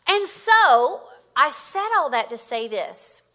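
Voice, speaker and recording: A woman's voice: high-pitched, slow pace. A woman, preaching as a guest speaker and telling stories with frequent laughter. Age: 50s. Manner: animated storytelling with laughter. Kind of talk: sermon.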